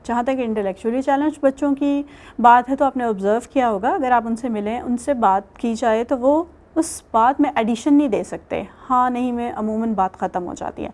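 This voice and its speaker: A woman's voice: a little high, a little mellow. A middle-aged woman from Pakistan giving a recorded university lecture, explaining step by step and mixing English terms into her speech. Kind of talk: recorded distance-learning lecture.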